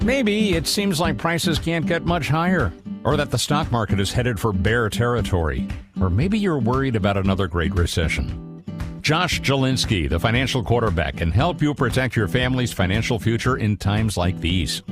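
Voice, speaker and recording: A male announcer reads a radio ad in a lively, up-and-down voice. A clear music bed plays under him. His delivery is polished and promotional. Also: medium pitch. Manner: animated promotional delivery, spells out web address. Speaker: advertisement announcer. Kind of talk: scripted radio ad voice-over.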